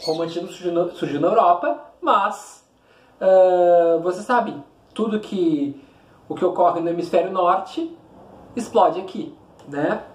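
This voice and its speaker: A man with a Brazilian Portuguese accent, a literature teacher giving a classroom lecture, explaining in short phrases, asking rhetorical questions and reciting verses slowly. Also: sits high, reverberant. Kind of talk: classroom lecture with poetry reading.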